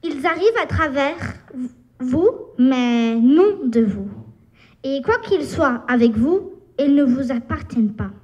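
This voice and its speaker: Slow, high-voiced woman reciting poetry. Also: darkish tone. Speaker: workshop participant. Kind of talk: reciting a poem aloud.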